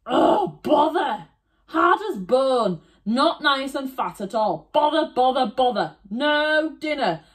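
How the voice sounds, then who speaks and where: A woman's voice: mid-range voice, huge pitch swings, takes it slowly. A woman voicing a suspicious, greedy wolf in a children's story. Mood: frustrated. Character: suspicious, greedy wolf, grumbling when tricked.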